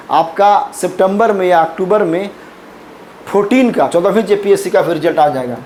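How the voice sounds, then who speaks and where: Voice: medium pitch, darkish tone, a little hiss or hum. Chatty, persuasive exam coaching teacher. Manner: chatty and persuasive, repeats points and adds "okay?" often. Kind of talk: casual spoken announcement to students.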